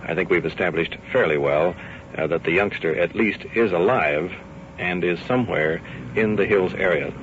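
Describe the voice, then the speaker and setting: On an old field recording, a deep-voiced man working as a radio host narrates unscripted from a police ride-along, speaking at a moderate pace. The lo-fi audio, captured outdoors and inside a police car, carries slight background noise of vehicles and police radio.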